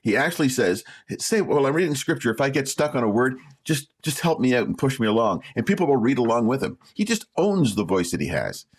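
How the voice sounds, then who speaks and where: A man's voice: medium pitch, big pitch swings, a little fast, few pauses. A man hosting a vlog, giving plain-spoken motivational advice to camera, repeating key phrases and teasing with rhetorical questions. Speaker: vlog host.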